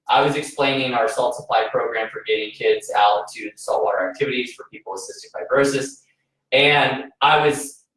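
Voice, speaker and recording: Chatting casually as a podcast co-host, a man earnestly tells a story and keeps restarting his sentences. He has a mid-range, slightly bright voice, recorded far from the mic in a very echoey room.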